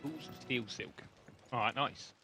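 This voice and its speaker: A man's voice: medium pitch, a little slow, music in the background. A man commenting casually on gameplay during a live stream, laid-back, chatty and joking. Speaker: game streamer.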